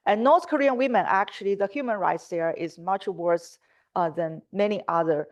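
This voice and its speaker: A middle-aged woman from China, a native Mandarin speaker with a Mandarin Chinese accent, delivers a prepared lecture as a symposium speaker and scientific curator. She speaks at a medium pitch and normal speed.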